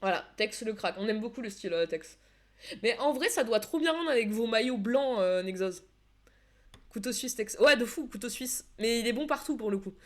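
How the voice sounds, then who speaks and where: It's casual esports commentary on a live stream: a woman, her voice a little high and animated at a normal speed, casts a football video game and talks with viewers, with many fillers and restarts.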